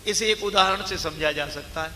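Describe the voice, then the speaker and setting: A man gives a devotional sermon in a very bright, ringing voice pitched a little high. He tells parables and briefly acts out the characters. The voice rings through a reverberant hall over faint background noise. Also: moderate pace. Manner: acts out characters in his stories.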